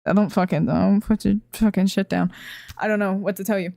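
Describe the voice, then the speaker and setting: A woman streamer telling a workplace story to her chat in a casual, animated way, swearing freely. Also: medium pitch, brisk, gravelly, no room sound. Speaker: streamer reacting to videos.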